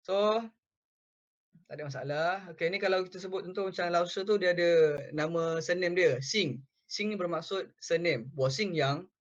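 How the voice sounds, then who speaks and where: High-voiced tutor, dull lo-fi sound. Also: male voice. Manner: explains phrase by phrase, repeats words slowly, many "okay"s. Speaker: Mandarin language tutor. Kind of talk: relaxed classroom lesson.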